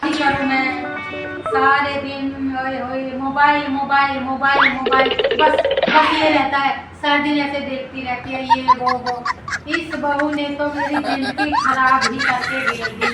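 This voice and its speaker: A woman's voice: high-pitched, flat delivery, unhurried, over loud music. A woman playing a nagging, self-pitying middle-aged mother-in-law who scolds and calls on God in a comic sketch. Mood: lamenting. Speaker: comedian. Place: home kitchen. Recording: very echoey room, mic far off, loud noise.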